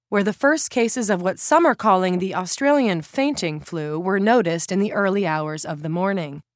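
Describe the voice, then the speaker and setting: A woman's voice: medium pitch, no echo, studio quality, voice pushed up, lightly acted. Polished young TV reporter, earnest and pushy, read by a woman narrator. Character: glamorous young female TV field reporter.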